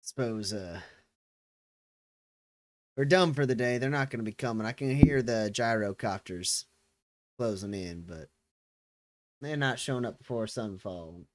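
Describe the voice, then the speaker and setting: A man playing a folksy, world-weary, shrewd frontier character in a tabletop role-play, musing with pauses. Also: fairly low pitch, natural voice. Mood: musing, calm. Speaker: tabletop role-play player or game master.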